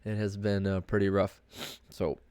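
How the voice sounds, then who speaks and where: A man's voice: fairly low pitch, level tone, moderate pace, darkish tone, clean tone, no echo. A man who sounds congested with a cold, hosting a podcast with casual, rambling solo sports commentary. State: under the weather, congested with a cold. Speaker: podcast host.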